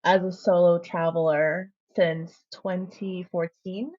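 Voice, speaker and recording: A woman from the Philippines answering interview questions in a relaxed, reflective way. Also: lowish voice, slow. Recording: dull, lo-fi interview recording.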